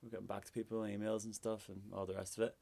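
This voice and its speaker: A man, a musician, chatting casually in an interview, relaxed and hesitant with many fillers. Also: lowish voice, very fast, gravelly. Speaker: musician guest.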